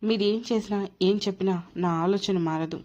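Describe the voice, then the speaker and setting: A woman's voice: medium pitch, fairly even intonation, moderate pace, a little mellow, natural voice. A woman voicing a stubborn, harsh husband who speaks firmly and dismissively in an emotional audio story. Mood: firm, cold. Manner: firm, blunt, dismissive. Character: stubborn harsh husband, man, cold and unyielding. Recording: dull lo-fi recording.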